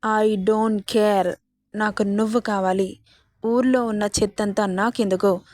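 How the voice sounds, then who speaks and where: A cruel, domineering young rich man, read by a woman, speaks in a threatening, possessive way. His voice sits at a middle pitch and sounds close and dry. He is a storybook villain who gives orders. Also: fairly even intonation, slow pace, a little mellow, no room sound, close to an everyday voice. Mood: menacing.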